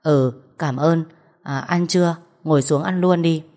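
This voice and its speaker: A woman's voice: low voice, measured pace, mellow. A woman voicing a young man who teases his wife in a dry, bossy way, told as an audio story. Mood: curt. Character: young man, teasing boss and husband.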